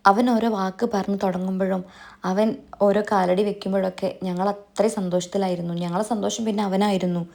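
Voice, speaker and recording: A woman's voice: mid-range voice, vocal fry, mellow. A woman narrating a TV serial episode recap as a host, telling it in a chatty storytelling way. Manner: chatty storytelling, adds tag questions.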